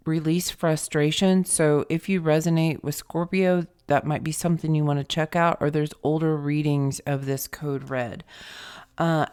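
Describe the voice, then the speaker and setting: A woman with a deep, clean voice gives an intuitive tarot reading in a soft, meditative manner. She often drops to a hushed near-whisper and pauses with fillers while searching for words.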